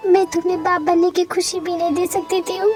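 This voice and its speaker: A woman's voice: very high voice, level tone, fairly quick, over music. A woman voicing a grieving young wife in a fan audio drama, tearful and pleading. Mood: anguished.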